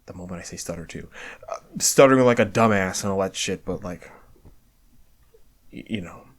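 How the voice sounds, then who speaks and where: A video creator with a low voice looks back on his year candidly at normal speed. He stammers and restarts often, swears casually, and comes across as earnest and self-deprecating.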